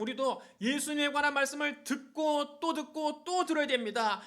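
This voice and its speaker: A man's voice: very high voice, sharp tone. A male pastor preaching a fervent Sunday sermon to his congregation.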